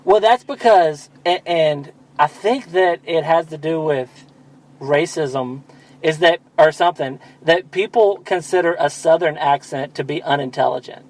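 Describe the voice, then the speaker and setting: Casual male podcast host, profane and rambling, slightly high-pitched. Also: a little slow. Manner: rambling, profane, self-deprecating. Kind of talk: casual chat.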